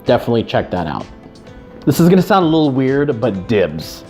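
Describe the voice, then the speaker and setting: A man's voice: medium pitch, very animated, brisk, darkish tone. A man from Chicago, a real estate agent, talking earnestly to camera and often restarting his sentences. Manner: earnest, with frequent restarts and repeated words. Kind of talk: casual to-camera talk. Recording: slightly dull lo-fi sound with faint music.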